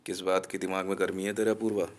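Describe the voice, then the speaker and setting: Deep-voiced man in an angry, abusive rant. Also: little pitch movement, fast talker. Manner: aggressive, abusive, menacing; mocking. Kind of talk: threatening rant to camera.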